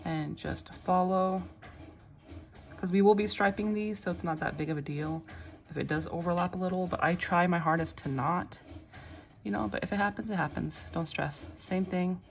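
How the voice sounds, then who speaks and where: A woman giving a casual, step-by-step craft tutorial in a reassuring, unhurried way, often checking in, with machine noise behind her. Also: lowish voice, steady tone, vocal fry. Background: machines running, clicking sounds.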